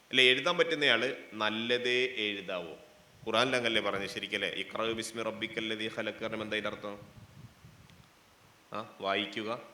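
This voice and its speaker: Malabar accent guy giving a fest speech, bright punchy voice, quizzing and joking with the crowd, roomy hall sound. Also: lowish voice. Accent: Malabar Malayalam. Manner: playful, questions the audience and jokes. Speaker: guest speaker inaugurating a college fest. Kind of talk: interactive public speech to students. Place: hall with an audience. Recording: roomy hall with faint background noise.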